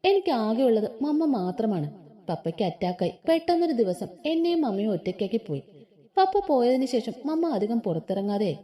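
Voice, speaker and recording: A woman voicing a young male lecturer who is tender and possessive, speaking low and hushed. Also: big pitch swings, fairly quick.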